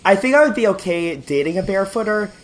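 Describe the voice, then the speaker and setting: Podcast co-host, giggly and rambling, with a lively, swooping pitch. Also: fast, slight background noise. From rural area. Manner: giggly, laughs often, rambling with many fillers. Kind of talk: casual chat.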